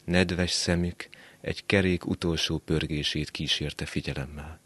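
A man reading a short story aloud on a literary radio show, measured and quiet. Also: a bass voice, fairly even intonation, no echo. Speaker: reader.

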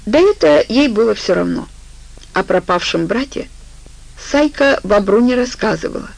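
Woman reading an audiobook, gravelly voice, steady mid pitch. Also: normal speed, dry recording, rough recording. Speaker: audiobook narrator. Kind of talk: scripted audiobook narration.

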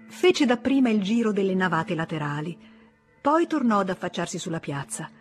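A woman reading a classic novel aloud in a measured, expressive audiobook narration. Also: medium pitch, soft background music. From Italy. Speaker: audiobook reader. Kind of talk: literary narration.

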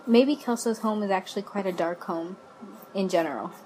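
A woman's voice: medium pitch, moderate pace, a little mellow, rough recording. Wry woman with faint background noise. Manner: wry, jokey asides with laughs. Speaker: podcast co-host. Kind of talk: casual chat.

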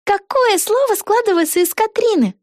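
Женщина озвучивает юную восторженную ведьмочку Вегу. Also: female voice, extremely high pitch, lively intonation, darkish tone, dry recording, clean studio sound, pitched above the performer's own voice. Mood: excited. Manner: fast, breathless, exclaiming. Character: excitable young girl witch, clever and eager.

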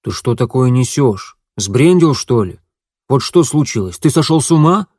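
A man voicing an angry, crude male accomplice who curses and shouts accusations. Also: mid-range voice, lively intonation, normal speed, no room sound, clean studio sound, lightly acted. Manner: loud, cursing, accusing.

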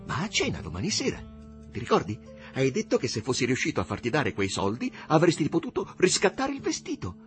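A man's voice: mid-range voice, huge pitch swings, fairly quick, soft background music, voice pushed up. A man voicing a refined young woman in an audiobook, reproachful and pressing with questions. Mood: eager. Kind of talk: audiobook character reading.

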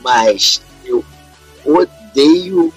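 A man's voice: medium pitch, lively intonation, drawn-out words, husky, faint music behind, poor audio. A Brazilian man co-hosting a podcast, complaining emphatically in slangy casual chat. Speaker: podcast co-host.

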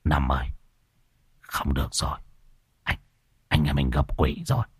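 A man voicing a frightened, hungry older brother who speaks in a low, hushed whisper. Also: animated, moderate pace, breathy edge, no room sound, studio quality, full character voice. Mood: terrified whisper.

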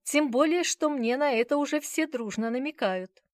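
A woman's voice: high-pitched, moderate pace, no echo, pitched above the performer's own voice, close to an everyday voice. A woman reading an audiobook voices a poised young mother who speaks coolly and with self-assured, dry amusement.

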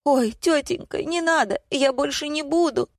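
Brief: woman voicing scared teen boy, squealing, high, dry close mic. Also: normal speed, dry recording. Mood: pleading. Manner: squealing, pleading. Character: screeching frightened teenage boy in a fish tank.

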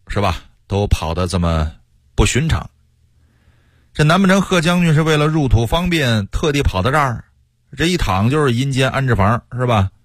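Brief: male radio storyteller, husky voice, dry close studio sound, playful asides. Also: medium pitch, no room sound. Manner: lively, jokey asides. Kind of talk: storytelling history narration for radio.

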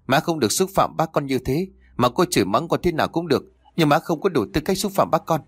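A man's voice: mid-range voice, lively intonation, quick pace, breathy edge, no room sound. A man voicing a desperate young pregnant wife, pleading in anguish in a storybook reading.

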